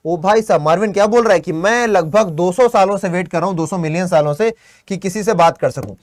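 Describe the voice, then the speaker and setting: A man teaching an exam-prep lesson, reading the lines slowly and then explaining them to his students with questions. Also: high voice, no echo, studio quality. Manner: addresses students directly, asks and answers his own questions. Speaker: English teacher.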